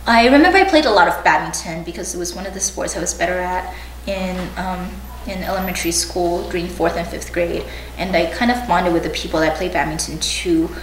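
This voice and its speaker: A young woman from China and the United States, interviewed for an oral history, casually recounts personal memories in an informal, hedging way. Her voice is fairly low and brisk, captured by a distant mic in a roomy space with faint background noise.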